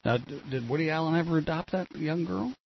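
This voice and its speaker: A man's voice: a little high, fairly quick, vocal fry. A man hosting a local radio talk show, chatting casually in a rambling way, with restarts and chuckles. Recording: lo-fi radio broadcast with faint background noise.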